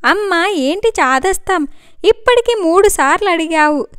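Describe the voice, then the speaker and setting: A woman's voice: very high voice, expressive, a little slow, fairly bright tone, dry recording, clean studio sound, exaggerated voice. A woman voicing a young adult son who talks to his mother in a soothing, reassuring way. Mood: consoling.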